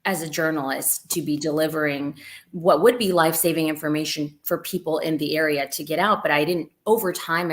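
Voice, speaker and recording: A woman's voice: deep voice, creaky, fairly bright tone. A woman in her forties, a TV news anchor, telling an earnest story on a panel.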